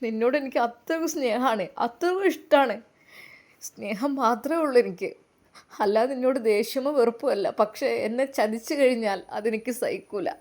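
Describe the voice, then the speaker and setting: A woman's voice: on the high side, normal speed, darkish tone, lightly acted. A woman voicing a jealous, suspicious young husband who accuses and pleads through tears in a dramatized story reading. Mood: pleading.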